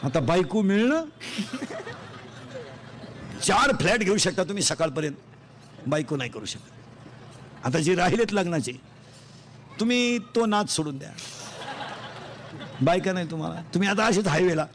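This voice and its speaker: A man delivers a comic devotional sermon through a stage microphone. He declaims loudly in a high register and fires quick questions at the crowd. A faint hum sits under the voice. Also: animated. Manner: loud, declaiming, quizzing the crowd for quick answers. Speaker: kirtan preacher. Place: festival pandal stage.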